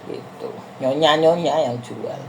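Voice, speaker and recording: A middle-aged Indonesian vlogger tells her viewers a rambling travel story in a casual way, often calling them friends. Her voice is low-pitched and darkish, her pace slow, with slight background noise.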